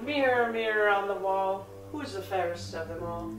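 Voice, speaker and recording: A woman's voice: medium pitch, moderate pace, close to an everyday voice. Woman playing a vain wicked stepmother queen, echoey stage. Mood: scheming. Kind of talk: comic fairy tale stage play. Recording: echoey stage, distant mic, music behind.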